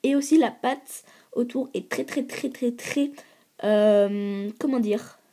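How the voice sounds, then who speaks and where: A teenage girl talks in a casual show-and-tell, stalling on fillers and repeating words as she searches for what to say. Her voice is slightly hoarse, pitched a little high and soft and mellow in tone. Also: takes it slowly. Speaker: video creator showing her polymer clay creations.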